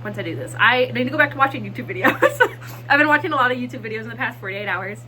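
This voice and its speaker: A young woman vlogging in a casual, excitable way, chatting quickly and nervously with frequent laughs. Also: fairly high pitch, a little hiss or hum, rough recording. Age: young adult. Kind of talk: casual vlog chat.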